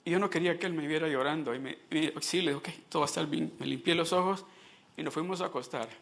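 A man's voice: a little high, fast, gravelly, fairly bright tone. A middle-aged man giving a sermon testimony, telling a personal story and slipping in English phrases.

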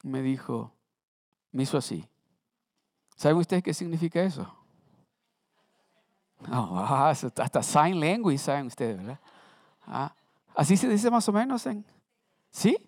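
A man's voice: on the high side, very animated, measured pace, long pauses, no room sound, studio quality. A man preaching in church, talking to the congregation conversationally, asking them questions and mixing in English words. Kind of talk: Sunday sermon.

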